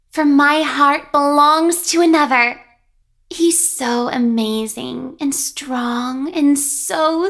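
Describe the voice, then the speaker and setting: A woman voicing a lovesick, obsessive, girlish animatronic in a video game, with breathy, dreamy swooning. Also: high voice, fairly bright tone, exaggerated voice. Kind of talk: video game character acting.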